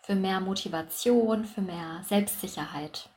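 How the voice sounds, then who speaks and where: A woman's voice: medium pitch, a little slow, a little mellow, slight background noise. Woman explaining like a patient pronunciation coach. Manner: clear, methodical teacher explaining step by step. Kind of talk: explanatory interview answers.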